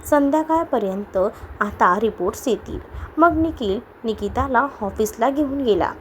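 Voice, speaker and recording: A woman narrating a romance audio story with a steady, even reading. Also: fairly high pitch, a little hiss or hum, rough recording.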